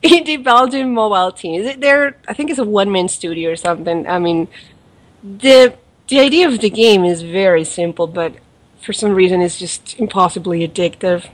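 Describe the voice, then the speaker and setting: On a podcast, a woman reviews a mobile game in casual chat full of fillers, laughs, and rambling; she has a non-native accent whose origin isn't given. Her mid-range voice moves at a moderate pace, and the recording quality is low.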